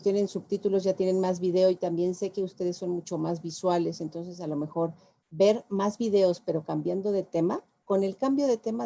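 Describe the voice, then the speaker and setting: A middle-aged Mexican woman, a linguist, giving an explanatory talk in a conversational way, pausing on fillers as she answers audience questions. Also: lowish voice, vocal fry, dark tone. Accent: Mexican Spanish. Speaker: guest lecturer, linguist.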